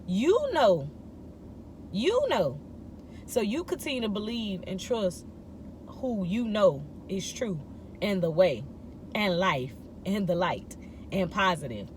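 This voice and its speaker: A woman's voice: medium pitch, sing-song, slow pace, long pauses, a little hiss or hum. A woman in her thirties giving a casual morning devotional, emphatic and repetitive as she urges listeners to keep believing. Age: 30s. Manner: emphatic, repetitive exhortation in informal speech. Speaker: vlogger giving morning encouragement.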